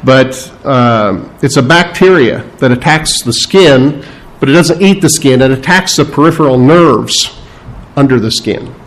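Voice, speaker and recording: A man preaching a sermon in an unscripted, halting way, often restarting his phrases. His pitch sits in the ordinary middle range for a man. He slows down to stress the words he wants remembered. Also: animated, rough recording. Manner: unscripted, halting delivery with many fillers and restarts; explains scripture verse by verse, stressing key words. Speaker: pastor.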